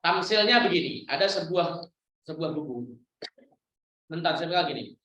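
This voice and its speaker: A man preaching a sermon, answering questions and dropping into a hushed low voice to act out prayers. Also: animated, normal speed. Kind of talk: Islamic sermon with Q&A. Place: school hall. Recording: echoey hall, dull lo-fi sound.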